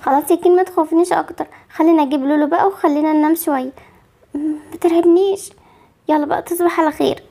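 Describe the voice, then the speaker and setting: A woman's voice: sits high, steady tone, quick pace, gravelly, dark tone. A woman voicing Barbie, an anxious, protective young mother with an Egyptian accent, fretful and soothing in an amateur game movie. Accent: Egyptian Arabic.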